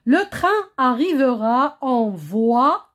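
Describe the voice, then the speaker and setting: A woman's voice: high voice, expressive, slow pace. A woman teaching young pupils, patiently repeating words and checking they understood. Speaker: primary school teacher. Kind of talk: slow classroom explanation.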